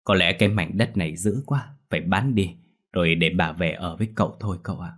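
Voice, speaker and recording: Man doing a scared young niece, quick, low husky voice. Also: fairly bright tone. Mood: fearful. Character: frightened young woman, niece.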